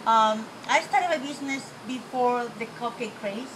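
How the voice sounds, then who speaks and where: Here a Dominican woman with a Dominican Spanish accent, a small business owner appearing as an interview guest, fields questions in a relaxed, frank way and fixes her own wording as she talks. Her pitch sits fairly high, her pace is normal, and there's noise behind her.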